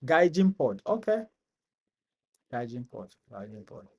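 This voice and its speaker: A live stream host from Ghana with a Ghanaian accent, chatting casually with a guest, laughing often and teasing gently. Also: mid-range voice, very animated, unhurried, slightly rough.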